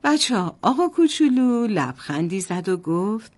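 A woman's voice: mid-range voice, very animated, darkish tone. A woman storyteller narrating a bedtime story to children in a sing-song voice, often addressing them directly.

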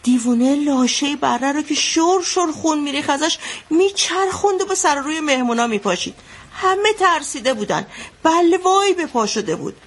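In a radio drama, an actress with a high, animated voice plays an anxious mother vividly recounting a bloody wedding. She shouts out the quotes she retells.

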